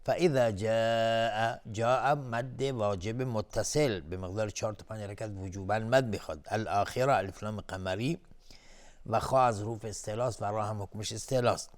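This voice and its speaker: A man teaching Quran recitation rules on a broadcast lesson, explaining tajweed between slow chanted verses. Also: lowish voice. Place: television studio.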